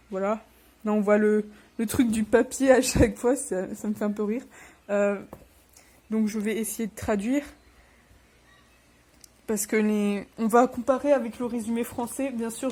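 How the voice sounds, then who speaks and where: A young woman with a slightly high, dark-toned voice chats casually for her book unboxing vlog. She's a bit sick and rambles as she opens the books, tossing in self-deprecating remarks.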